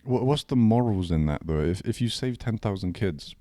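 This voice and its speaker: A man's voice: fairly low pitch, animated, normal speed, mellow, no room sound, studio quality. A man co-hosting a podcast in casual chat, laughing often and restarting his sentences. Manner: laughing, stumbling restarts, slangy. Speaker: podcast co-host.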